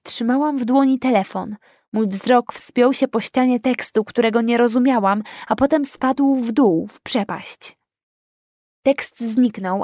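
Give me a woman narrating an audiobook in a measured, dramatic way, with a slightly high, dry voice. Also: darkish tone, no echo. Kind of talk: first-person audiobook narration.

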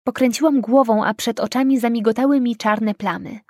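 Woman audiobook narrator, first person, measured, higher pitch, dry close sound. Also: steady tone, dry recording.

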